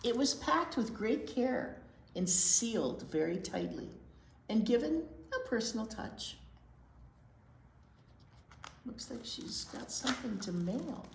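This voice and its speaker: A storytime teacher reads a picture book aloud to young children, expressive and emphatic, explaining things in simple terms. Her voice is a little high with some vocal fry, and she goes slowly, pausing often. The recording has a roomy echo and faint noise.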